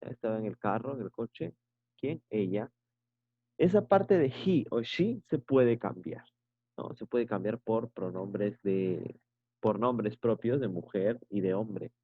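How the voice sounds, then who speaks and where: A man's voice: lowish voice, animated, slow pace, breathy edge, dry recording. A male teacher giving an online English grammar lesson, explaining patiently and checking in with short tag questions. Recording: tinny phone-like sound.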